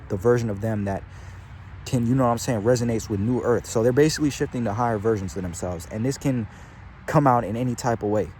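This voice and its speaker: A man's voice: mid-range voice, darkish tone. A young man giving a rambling, slangy spiritual pep talk to his viewers, swearing constantly and calling them bro and gang. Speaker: spiritual channeler vlogger. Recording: faint outdoor traffic noise.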